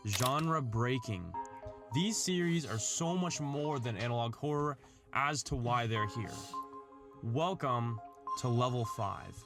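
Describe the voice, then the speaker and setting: Music runs under a man's slow yet animated narration, pitched in the medium range. He reads an earnest, articulate script in the manner of a video essay.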